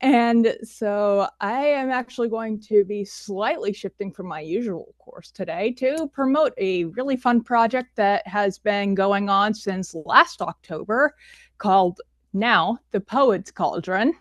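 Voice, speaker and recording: A woman storyteller with a lilting, theatrical delivery. She takes her time over each phrase, in a mid-pitched voice with a dry, close sound, as if presenting at a poetry open mic. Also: takes it slowly, no room sound. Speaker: storyteller and bard.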